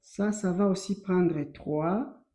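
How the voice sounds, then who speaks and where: A woman with a Rwandan accent teaching a beginner French lesson. She drills syllables slowly and clearly, repeating them and getting louder on each drill. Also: lowish voice.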